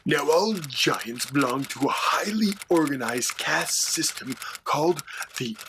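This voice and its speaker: A man voicing a mock-menacing male dragon sidekick who explains monster lore in a hushed, lecturing way. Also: a little high, expressive, measured pace, background noise. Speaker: co-host.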